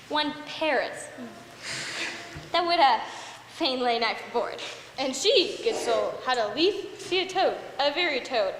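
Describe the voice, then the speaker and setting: A woman's voice: high voice, a bit bright. A young woman acting the part of a fussy, chattering old nurse who complains of aches and weariness in a stage play, performing on a school stage. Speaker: student actor. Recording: echoey hall, stage mics, faint room noise.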